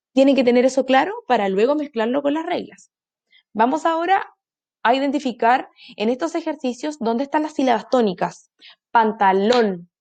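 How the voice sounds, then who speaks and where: Brief: woman primary school teacher, slightly high voice, slow and overdrawn stress on example words, repeated drills. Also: a little mellow. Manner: repetitive call-and-answer drilling. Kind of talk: recorded online class.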